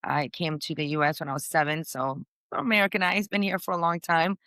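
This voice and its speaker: Middle-aged woman, from Portugal, bright tone, dry close sound, chatty guest with fillers. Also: sits low, fairly quick, dry recording. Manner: upbeat, chatty, full of fillers. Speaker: podcast guest, entrepreneur. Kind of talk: casual interview talk.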